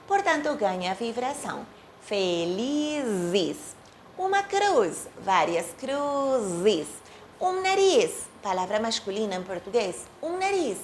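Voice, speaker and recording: Professora de português, fala pausada e expressiva. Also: female voice, slight background noise. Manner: clear, deliberate, says example words slowly with rising and falling pitch. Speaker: Portuguese teacher. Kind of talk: language lesson.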